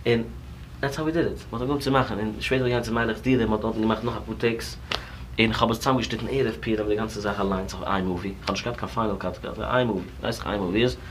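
Rapid-talking man telling a rambling story. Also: fairly low pitch, steady tone, slight background noise. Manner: rambling, mixing languages, laughing often. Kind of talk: casual anecdotal storytelling.

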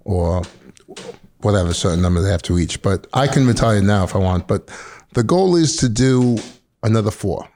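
A man's voice: fairly low pitch, expressive, moderate pace, a little mellow, slight background noise. A man in his early fifties with a Queens, New York accent, chatting casually as an interview guest. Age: early 50s. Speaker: guest, firefighter and actor.

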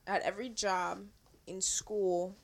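Chatty young woman on a podcast, bit of vocal fry, swears a lot, just rambling. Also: medium pitch, fairly even intonation, slow pace, a loud crowd. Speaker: podcast co-host. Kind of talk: casual podcast chat.

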